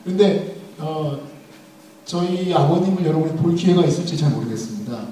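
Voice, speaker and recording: Man, around 30, preacher, humorous storytelling sermon, mellow voice, faint background hum. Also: fairly high pitch, normal speed. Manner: humorous storytelling, addressing the audience directly. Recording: echoey hall, mic at a distance.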